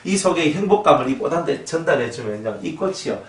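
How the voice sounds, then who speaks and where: A male pastor delivering a sermon in an animated way, acting out the voices of people and raising his voice for emphasis. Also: on the high side, fast talker, reverberant, recorded from a distance.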